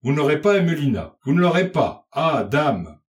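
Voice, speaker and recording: A man's voice: a little high, very animated, moderate pace, pitched above the performer's own voice. A man voicing a blunt old spinster. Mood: indignant.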